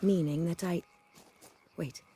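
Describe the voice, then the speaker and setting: A woman's voice: lowish voice, fairly even intonation, takes it slowly, dark tone, breathy edge. A woman voicing a cold, commanding aristocratic female vampire in a video game, speaking in a composed, formal way.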